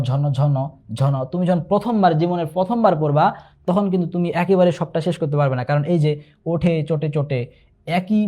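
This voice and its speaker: Male instructor, fairly high voice, patient online exam-prep lesson, repeats each term. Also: darkish tone. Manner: explains patiently, repeats key terms and asks rhetorical questions; slows to recite Arabic examples.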